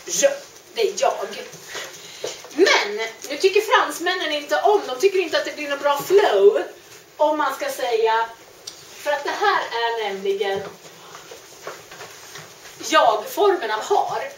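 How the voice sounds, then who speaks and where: Lively high-voiced woman teaching French. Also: slight background noise. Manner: explains patiently and repeats French words slowly. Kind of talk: grammar lesson. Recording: echoey room, mic at a distance.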